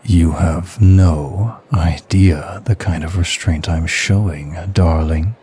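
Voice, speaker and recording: In an intimate ASMR roleplay, a man plays a smug, seductive demon of lust, teasing with suave, formal flirtation. His voice is low-pitched, slow, a little mellow and husky, heavily acted, and the mood is intense and lustful.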